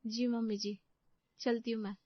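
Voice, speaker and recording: A woman voicing a polite, deferential young working wife in an animated story. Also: a little high, moderate pace, no room sound, lightly acted. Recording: dull lo-fi dry recording.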